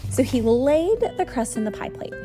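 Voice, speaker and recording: A woman reading a children's storybook aloud to her kids in a lively, sing-song voice. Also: high voice, moderate pace, over music.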